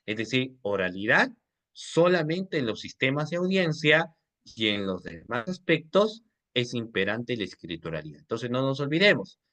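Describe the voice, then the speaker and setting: Man lecturing with lively pitch. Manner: asks the class questions and repeats them, calls listeners "doctores". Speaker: law instructor. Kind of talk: online class lecture.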